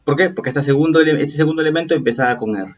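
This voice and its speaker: A man with a husky, mid-pitched voice teaches a recorded review lesson. He explains things patiently and keeps checking in with the class. The sound is dull and lo-fi, and his voice comes from some way off the mic. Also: rapid-fire. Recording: distant, dull lo-fi voice.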